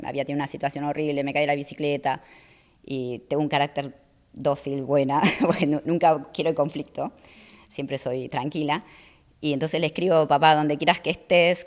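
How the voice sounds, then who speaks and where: A middle-aged woman, talking as a guest in a casual interview, soft-spoken and hesitant with many fillers. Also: low-pitched. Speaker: guest athlete.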